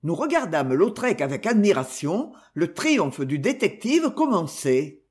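A man narrating a detective novel in an expressive, theatrical audiobook reading. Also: high-pitched, measured pace.

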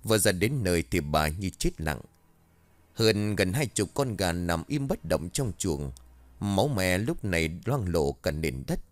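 A man narrating a scripted village ghost story in an expressive storytelling manner. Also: sits low, a little slow, no room sound.

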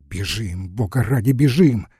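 A man gives voice to a kindly, worried woman trying to calm a friend. The voice stays slow and husky, soft but urgent. The sound is dry. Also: fairly low pitch, no room sound, exaggerated voice. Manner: soothing, then urgent pleading. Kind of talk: audiobook reading.

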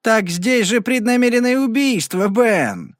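A man's voice: sits high, big pitch swings, brisk, no echo, clean studio sound, voice pushed up. A man reading an audiobook and voicing a scheming rancher who gloats and mocks. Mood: gloating. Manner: gloating, mocking.

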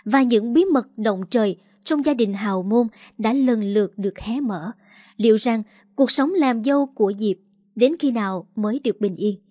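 A woman hosting and narrating an audio story in a smooth, measured manner. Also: a little high, no echo, studio quality. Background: soft background music.

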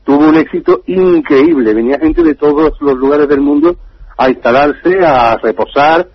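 A radio contributor with a husky voice tells an odd story, building it with jokes and sudden rises in pitch. The dry, muffled sound comes over a narrow line. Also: male voice, moderate pace, dry recording. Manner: animated, joking storyteller.

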